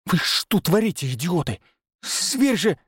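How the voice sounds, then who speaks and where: A man voicing a tense male hunting guide who hisses quiet orders in an audiobook. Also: slow, slightly rough, no room sound, studio quality. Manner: hissed, low whisper-like orders. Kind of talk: audiobook narration.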